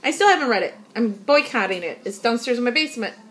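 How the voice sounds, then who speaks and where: A woman's voice: a little high, animated, quick pace, a bit bright. Frank, emphatic middle-aged woman. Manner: emphatic, frank, laughs often. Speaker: host. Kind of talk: casual chat.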